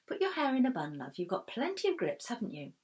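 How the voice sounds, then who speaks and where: A woman voicing a patient mother who talks gently and soothingly. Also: on the high side, wildly swooping pitch, quick pace, pitched above the performer's own voice.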